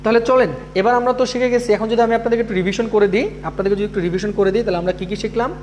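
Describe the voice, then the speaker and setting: A man's voice: high-pitched, fairly even intonation, very fast, a little mellow, slight background noise. A man teaching an English grammar class, repeating each rule and often checking that students follow. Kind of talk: live online class.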